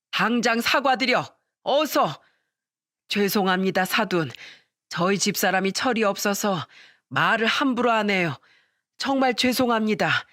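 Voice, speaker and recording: A woman's voice: mid-range voice, fairly bright tone, dry recording, clean studio sound. A woman reading the part of a remorseful man in his sixties, talking in an emotional, pleading way, for an audio story. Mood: stern scolding.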